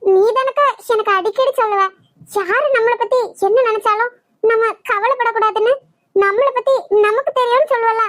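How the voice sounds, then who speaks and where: A woman's voice: extremely high pitch, moderate pace, fairly bright tone, no echo. A woman voicing a loyal younger sister comforting her sibling, with a Kanyakumari Tamil accent. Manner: pleading, comforting.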